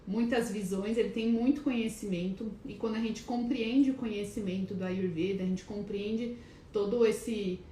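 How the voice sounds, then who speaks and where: A woman hosts a relaxed live stream from a clinic office, greeting viewers one by one and restarting her sentences as nerves show. Her voice sits in the middle range, and the room gives it a noticeable echo over a faint hiss. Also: mid-range voice, normal speed. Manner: chatty, greets viewers by name, hesitant restarts; calls herself shy and nervous. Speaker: wellness live-stream host. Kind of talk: casual live-stream talk. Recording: echoey room, faint background noise.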